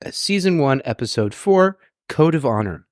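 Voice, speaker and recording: A man's voice: medium pitch, expressive, normal speed, no room sound, clean studio sound. Blunt, casual man hosting a podcast. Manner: blunt, irreverent, swearing freely. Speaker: podcast host. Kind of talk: casual recap chat.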